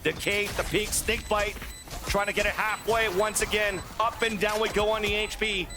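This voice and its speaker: A man giving excited play-by-play esports commentary on a video game match, with game sounds around him. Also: sits high, moderate pace. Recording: loud music and game sounds behind. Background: loud music, game sound effects.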